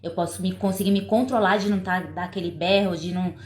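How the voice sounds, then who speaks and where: A woman's voice: on the low side, steady tone, fast, reverberant, a little hiss or hum. A woman co-hosting a parenting talk, speaking conversationally with frequent tag questions. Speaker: parenting show co-host, mother. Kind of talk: casual couple conversation.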